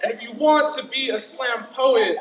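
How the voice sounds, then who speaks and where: A young man performing spoken-word poetry at a live club reading, dramatic and profane, with sardonic humor, swinging between loud outbursts and quiet intensity. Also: very high voice, moderate pace, crowd noise, background noise. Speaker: student poet. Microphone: stage microphone. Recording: roomy live room, picked up from a distance.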